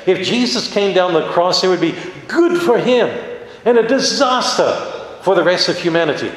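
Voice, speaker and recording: A higher-voiced man preaching a sermon in a large hall, his words ringing off the walls with a long, heavy echo. He speaks in an animated way, putting dramatic stress on key words and asking his listeners rhetorical questions. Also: normal speed. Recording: very echoey hall with long reverb.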